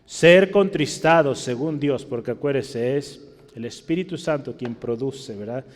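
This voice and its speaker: Predicador con eco de salón largo. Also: male voice, measured pace. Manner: asks the congregation questions, often adds "¿verdad?"; rises in pitch and volume when reading Scripture aloud. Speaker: preacher. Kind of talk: sermon. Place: church hall. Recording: long hall reverb.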